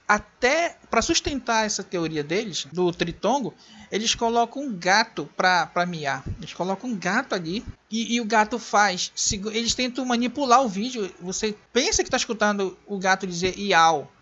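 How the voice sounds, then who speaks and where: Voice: mid-range voice, lively intonation, normal speed, a bit bright, highs cut off. A presenter giving an emphatic explanatory lecture on grammar, repeating key points and scorning opponents. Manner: emphatic and repetitive, pressing points home. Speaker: video presenter teaching Hebrew grammar.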